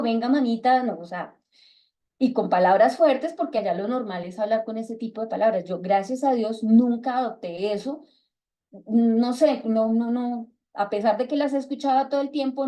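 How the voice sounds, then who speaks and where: A middle-aged woman with a Colombian accent leading a book club on a video call, talking casually and acting out bits of dialogue with a raised voice. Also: a little high. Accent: Colombian Spanish. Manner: lively, acts out quoted dialogue in raised voice. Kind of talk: casual talk to a reading group.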